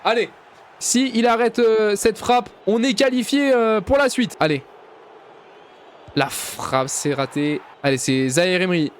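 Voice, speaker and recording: A man's voice: high-pitched, a little slow, a little hiss or hum. A young man casually commentating his football video game career, talking to his viewers with slangy jokes and sudden bursts of cheering. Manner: excitable, swings from mumbling asides to loud cheering; addresses viewers as "les gars", slangy and joking. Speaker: gaming YouTuber.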